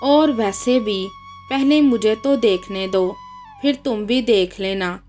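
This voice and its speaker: A woman voicing a rude, sharp-tongued young wife in a read-aloud story, speaking curtly and mockingly. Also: medium pitch, slow, soft background music, natural voice. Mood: snappish. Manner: curt and mocking.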